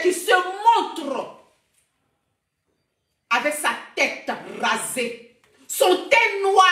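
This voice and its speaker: Woman vlogger, declamatory and emphatic, lively pitch, roomy off-mic sound. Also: recorded from a distance. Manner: proud, declamatory, repeats slogans. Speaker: online content creator. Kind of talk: emphatic vlog rant.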